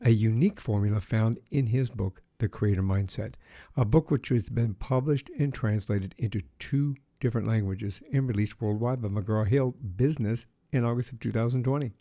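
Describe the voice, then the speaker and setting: A podcast host with a soft, mellow, lowish voice opens with a tidy scripted introduction, then eases into a measured, conversational interview. While chatting he turns hesitant, often pausing on fillers as he collects his thoughts.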